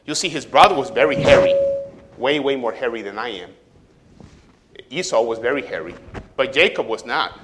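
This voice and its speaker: A man telling a Bible story to children during a worship service. He talks with animation and keeps asking them questions. His pitch sits in a middle register. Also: normal speed, long pauses, a little hiss or hum. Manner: animated, asks children questions, acts out quoted voices. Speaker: pastor giving a children's message.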